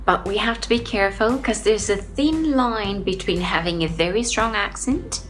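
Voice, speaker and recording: This young Brazilian woman, an English teacher whose first language is Portuguese, answers interview questions earnestly from her home in Sydney. Her voice is medium-pitched and a bit bright, her pace moderate, and she uses many "uh" fillers.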